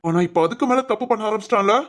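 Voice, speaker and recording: A woman's voice: mid-range voice, natural voice. A woman voicing a hot-tempered young man who protects his fiancée and speaks in an angry, commanding way, in an amateur family drama. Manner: angry, commanding, quick to threaten.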